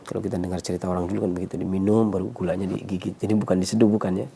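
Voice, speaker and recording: Male health consultant, gravelly and mellow, explanatory and repetitive, with faint noise behind. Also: deep voice, flat delivery, racing. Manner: repetitive, checking with 'ya'. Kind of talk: explanatory advice to callers.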